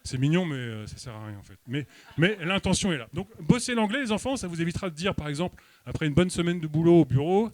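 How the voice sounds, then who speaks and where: A man with a French accent performing a stand-up comedy set on a comedy club stage, delivering his jokes with deadpan, mock-serious hesitation. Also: on the high side, quick pace, few pauses.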